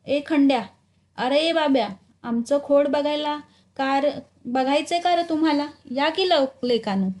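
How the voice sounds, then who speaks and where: A woman's voice: high-pitched, a little slow, darkish tone. A woman voicing a stubborn, cheeky village schoolboy in a read-aloud story. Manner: cheeky, defiant.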